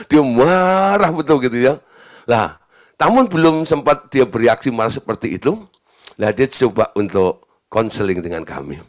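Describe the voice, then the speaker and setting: A man's voice: mid-range voice, expressive, unhurried. A male pastor preaching a sermon, recounting a counseling story and acting out the dialogue.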